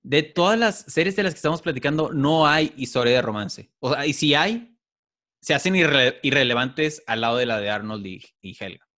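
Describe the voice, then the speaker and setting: Male podcast host, relaxed rambling chat, mid pitch. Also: normal speed. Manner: relaxed, rambling, leads topics. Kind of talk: casual chat.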